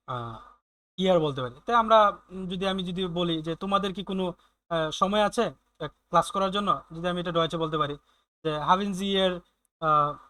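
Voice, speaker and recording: A man teaching German in an online class, explaining slowly with many fillers and often checking in with his students. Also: on the high side, bright, forceful tone, no room sound.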